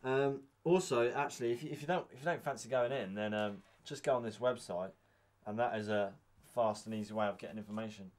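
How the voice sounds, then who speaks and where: A man plays a patient youth counsellor who gives advice calmly and pauses on frequent ums. His voice sits a little low. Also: slight background noise, close to an everyday voice.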